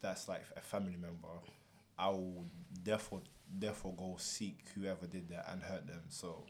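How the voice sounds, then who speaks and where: A young man with a deep voice and a London roadman accent talks casually as a podcast host. He mixes street slang with mock-formal phrasing, and there is slight noise behind him. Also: level tone, moderate pace. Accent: London, multicultural urban roadman slang. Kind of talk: casual chat.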